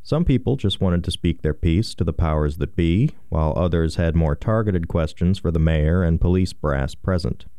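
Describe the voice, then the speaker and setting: A man reads a scripted radio news report in a low, dark-toned voice. The sound is smooth and clean, close and dry, with no room around it. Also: moderate pace, few pauses, no echo.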